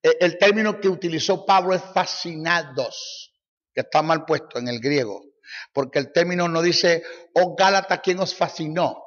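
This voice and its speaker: Brief: male Bible teacher, high voice, forceful and mocking, repetitive sermon, echoey lo-fi hall recording. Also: normal speed.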